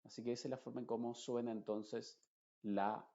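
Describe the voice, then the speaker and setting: A man teaching English pronunciation in Spanish, slowly repeating example words and contrasting wrong and right vowels. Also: medium pitch, level tone, dark tone, lo-fi sound. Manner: slow, drilled word repetition with contrasts. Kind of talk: pronunciation lesson.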